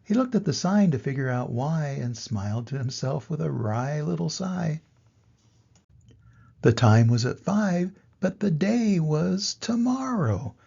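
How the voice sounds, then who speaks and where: An older man, a grandfather, reading a children's story aloud in an expressive grandpa voice to little children. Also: a little high, a little slow, creaky, husky, lo-fi sound.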